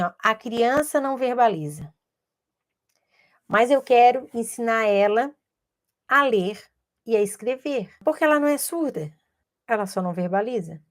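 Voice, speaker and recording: Slow, patient woman educator. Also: mid-range voice. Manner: explains patiently, models speech sounds aloud. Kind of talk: teaching talk to camera.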